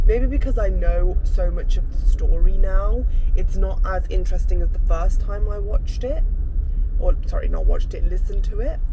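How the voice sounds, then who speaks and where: A woman chatting casually and ramblingly for a vlog, correcting herself as she goes, with a lisp and a whistling s. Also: on the low side. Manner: informal, self-correcting, rambling. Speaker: vlogger. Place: inside a car while driving. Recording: muffled, loud car road noise. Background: car and traffic noise.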